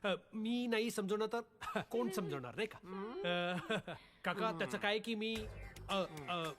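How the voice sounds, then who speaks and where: An actor playing a nervous young husband who fumbles through excuses in a comic film. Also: male voice, sits high, slow pace, over music. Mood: sheepish.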